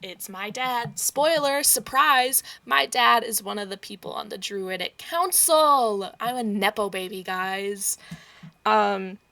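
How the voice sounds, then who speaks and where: A woman casually recapping a tabletop campaign, swearing freely, acting out quoted lines and dropping into quick whispered asides. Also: medium pitch, pushed and bright.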